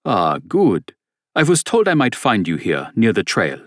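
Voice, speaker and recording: An earnest German man in his early thirties, read by a male narrator speaks with a German accent in formal, apologetic phrases. The voice is very low, with a dry, close sound. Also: wildly swooping pitch, unhurried, no room sound.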